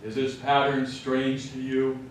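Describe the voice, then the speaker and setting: An actor playing the mournful, doomed ghost of a dead business partner in a live radio drama, with slow, theatrical, wailing delivery. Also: male voice, medium pitch, monotone, a little hiss or hum, close to an everyday voice. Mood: grave, accusing. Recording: very echoey hall, far from mic.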